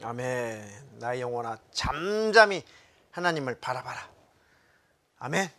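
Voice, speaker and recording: A man preaches with fervor, his voice pitched fairly high for a man. He rises to loud calls and then drops into hushed asides. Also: lively intonation, normal speed. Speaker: senior pastor. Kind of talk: sermon.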